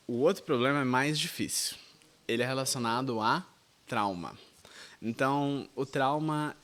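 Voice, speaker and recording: A man in his thirties from Brazil with a Brazilian Portuguese accent, an English teacher explaining things in an educational video lesson, conversational and addressing the viewer directly. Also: mid-range voice.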